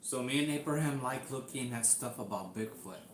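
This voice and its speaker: A man hosting a casual livestream from his kitchen, chatting slowly and greeting viewers one by one by name. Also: mid-range voice, reverberant. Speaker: livestream host.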